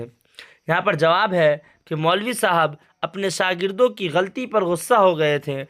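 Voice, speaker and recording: Young male tutor, high voice, walks through exam answers, repeats every point. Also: fairly bright tone. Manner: repetitive, explains each line again. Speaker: Urdu teacher.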